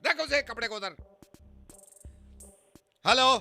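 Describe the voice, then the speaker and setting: A man playing an irritable shouting tailor in a comedic prank phone call, scolding loudly. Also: extremely high pitch, animated, slow, creaky, soft background music.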